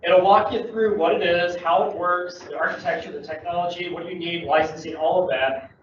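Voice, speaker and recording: A man's voice: high-pitched, steady tone, brisk, a little hiss or hum. A man giving a chatty, upbeat talk at a tech user-group meeting, joking as he explains. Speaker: Microsoft security presenter. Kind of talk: casual meetup talk. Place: meeting room. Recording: echoey room from far, dull mic.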